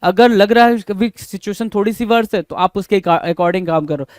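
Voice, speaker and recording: High-voiced man teaching English idioms. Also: a little mellow, smooth, no echo, clean studio sound. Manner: explains in Hindi, repeats English idioms slowly and deliberately; asks the class rhetorical questions, calling them "bhai". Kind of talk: exam-prep vocabulary lesson.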